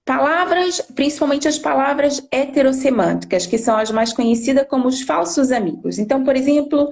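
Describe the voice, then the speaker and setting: Woman explaining patiently, slightly high voice. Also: animated, brisk, vocal fry, a little mellow. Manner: didactic, frequent tag questions. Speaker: Spanish language teacher. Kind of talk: live-stream explanation.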